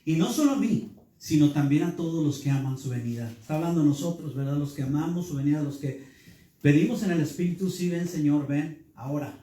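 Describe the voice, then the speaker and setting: A man's voice: fairly high pitch, lively intonation, a little fast, warm tone. A male pastor gives a Bible class sermon and keeps asking the room questions. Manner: teaching, asks the room questions. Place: church hall. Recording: echoey hall, speaker far from mic.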